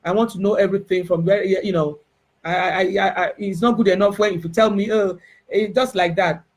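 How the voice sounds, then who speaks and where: Halting Nigerian woman sharing a testimony. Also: mid-range voice, fairly even intonation. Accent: Nigerian, Yoruba. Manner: emotional, halting, many restarts and fillers. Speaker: spiritual herbalist. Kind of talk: personal spiritual testimony.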